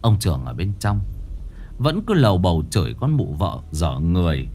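A man's voice: deep voice, wildly swooping pitch, moderate pace, mellow, a little hiss or hum. A man narrating a ghost story in a dramatic storytelling manner. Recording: faint background music.

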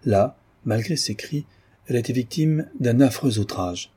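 Solemn older general in a storybook, warm low husky voice, as a male reader does him. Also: animated, moderate pace. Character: grave older general telling a scandal.

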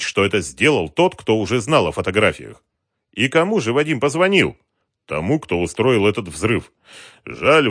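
A man narrating a crime novel audiobook in an expressive, dramatic reading. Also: fairly low pitch, dry recording, studio quality.

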